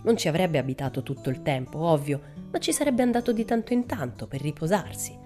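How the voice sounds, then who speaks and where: A woman narrating a children's storybook in a measured, expressive way. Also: low voice, soft background music. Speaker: audiobook narrator. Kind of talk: storybook reading.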